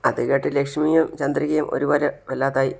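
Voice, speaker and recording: Casual: guy retelling a serial episode, gravelly, steady. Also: medium pitch, a little fast. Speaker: serial recap narrator.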